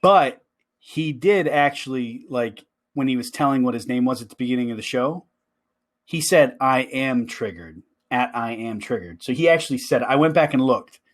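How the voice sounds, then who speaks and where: A man's voice: mid-range voice, normal speed. Laughing, jokey man co-hosting a podcast. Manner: laughs often, loose and jokey. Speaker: podcast co-host. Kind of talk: casual chat.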